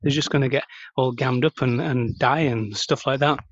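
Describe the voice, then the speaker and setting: A man chats into the mic with gum in his mouth, wandering from thought to thought with lots of ums and likes. His voice sits at an ordinary middle pitch. The recording is dull and dry, with no room sound around him. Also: steady tone, moderate pace, dry recording. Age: adult, 30s or older. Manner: rambling, many fillers. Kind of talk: casual monologue.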